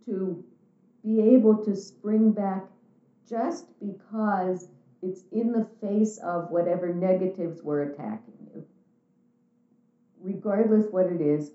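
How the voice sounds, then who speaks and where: A woman's voice: mid-range voice, slow. A woman being interviewed, talking in a frank, chatty way in a casual conversation. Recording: echoey room, tinny phone-like sound.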